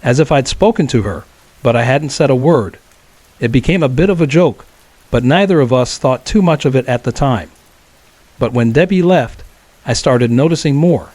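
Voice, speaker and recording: A man reads a scripted true horror story in a calm, measured voice. His pitch sits in the middle of the male range. The sound is dry, with no room echo. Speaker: narrator.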